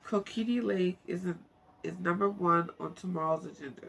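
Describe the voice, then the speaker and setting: The recording is low quality, with faint background noise, as a woman with a low, gravelly voice reads a book at a moderate pace. An amateur narrator, she stumbles on words and interrupts herself with chatty asides.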